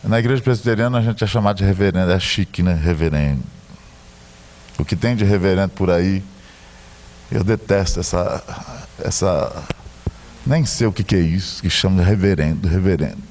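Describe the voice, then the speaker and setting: A man's voice: low-pitched, fairly quick, a little mellow. A middle-aged man with a Brazilian Portuguese accent, preaching a sermon as a pastor and telling a story with joking asides.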